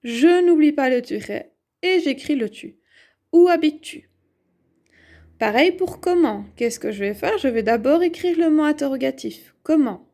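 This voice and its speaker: A woman teaching a grammar lesson, explaining slowly and clearly and asking herself questions as she writes. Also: high voice, expressive, darkish tone. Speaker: French teacher.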